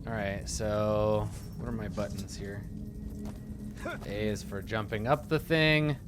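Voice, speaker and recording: Low-voiced joking male gamer over music. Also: steady tone, slow. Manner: irreverent, profane, goofy. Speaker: video game streamer. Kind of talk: casual, joking gameplay commentary. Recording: game music behind the voice.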